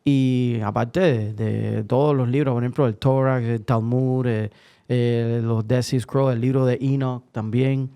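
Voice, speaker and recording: Male podcast host, mid-pitched, rambling casual joke-teller. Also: fairly even intonation, a little slow, dark tone, clear, resonant tone. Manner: rambling, hesitant, many restarts. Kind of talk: casual chat and joke-telling.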